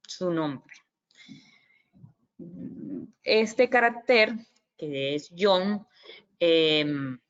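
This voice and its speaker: Using a mid-range, slightly bright voice, a woman walks viewers of her virtual lecture through Mandarin basics, explaining patiently with frequent fillers. She demonstrates tones by voicing example syllables. The sound, captured on a computer microphone during a video call, is slightly dull and lo-fi.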